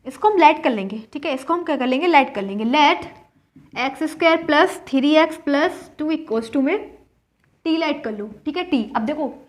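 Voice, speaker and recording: A young woman with a high, animated voice teaches a maths lesson, explaining slowly, going over each step again and checking in with her students.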